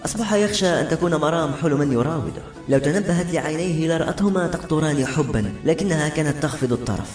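A man narrating a novel in an expressive reading voice. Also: on the high side, quick pace, few pauses. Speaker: audiobook narrator. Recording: roomy echo with faint music.

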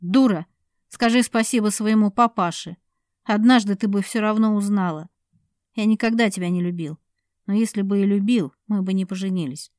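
A woman's voice: medium pitch, normal speed, a little mellow, dry recording, clean studio sound, close to an everyday voice. A woman voicing a menacing grown man who speaks in a harsh, curt, contemptuous way.

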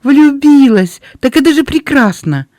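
A man reading aloud, voicing a warm, easily moved young woman in a storybook with a bright, eager manner. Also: medium pitch, big pitch swings, a little slow, no room sound, clean studio sound, pitched above the performer's own voice. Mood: overjoyed.

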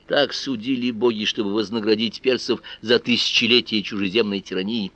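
A man's voice: fairly low pitch, fairly even intonation, fairly quick, sharp tone, no room sound. A man voicing a commanding conqueror king who rallies his troops in a declamatory tone. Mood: rousing. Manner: rousing, declamatory. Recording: dull, slightly muffled recording.

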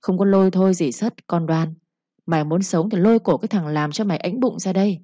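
A woman's voice: lowish voice, a little fast, mellow, no room sound, natural voice. A woman voicing an angry, strict middle-aged village father who scolds harshly in a storybook reading. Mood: furious. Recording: dull lo-fi recording.

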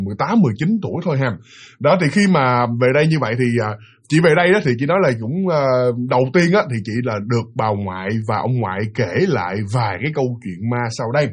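Male ghost-story host, rapid chatty delivery, husky voice. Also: medium pitch. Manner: chatty, fast, full of fillers and tags to listeners. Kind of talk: casual storytelling narration.

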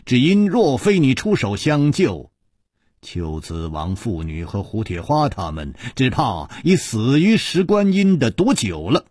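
A man voicing a calm, clever male swordsman hero who reasons things through with small scoffs. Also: mid-range voice, breathy edge, no echo, clean studio sound. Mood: reasoning. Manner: measured, reasoning, with little scoffs.

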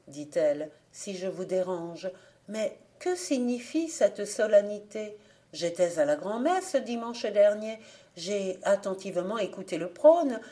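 A woman's voice: mid-range voice, mellow, natural voice. Woman voicing Marie Cornic, an anxious young woman. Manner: anxious, pleading.

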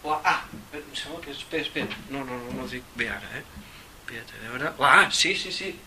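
A mid-range male voice, a little fast, bright and forceful in tone, carries a Catalan accent. In a rambling, informal theosophy session for a small group, he thinks aloud and keeps asking "¿eh?" Faint noise and distant miking mark the recording.

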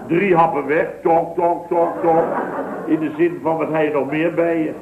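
In a scripted radio comedy sketch, a man plays a comic storyteller spinning a rambling, mock-pompous hunting anecdote with dry delivery. His pitch is fairly high and his intonation fairly even, at normal speed. The old broadcast sounds tinny, hissy and roomy.

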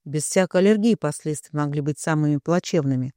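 A stern man speaks in a low, even voice full of cold threat, as a narrator puts him on. His fury stays controlled and quiet, heard dry and close in an audiobook. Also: fairly quick, clean tone, dry recording, close to an everyday voice. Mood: cold menace. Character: stern, coldly furious man.

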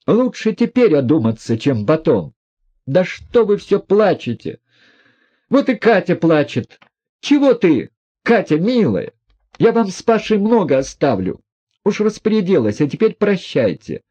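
A man's voice: sits high, very animated, a little slow, mellow, slightly rough, voice pushed up, full character voice. A man reading an audiobook, voicing a proud, reckless young woman who talks in a mocking, defiant way. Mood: wistful bitter.

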